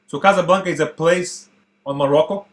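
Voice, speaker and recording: A man from Portugal in his thirties, a native Portuguese speaker, chatting excitedly to viewers as he reacts to an old film. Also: on the high side, a little fast. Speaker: movie reaction host. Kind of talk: casual reaction commentary.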